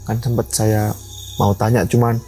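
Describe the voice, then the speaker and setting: A man's voice: fairly low pitch, little pitch movement, a little slow, mellow, soft background music, poor audio. A young man, a mountain ranger and guide telling a story in an interview and acting out its dialogue. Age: young adult.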